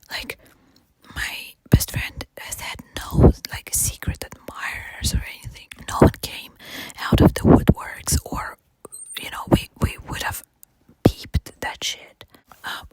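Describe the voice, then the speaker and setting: Quiet whispering woman, slow late-night storytime. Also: no room sound, low-quality recording. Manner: casual, candid, swearing freely.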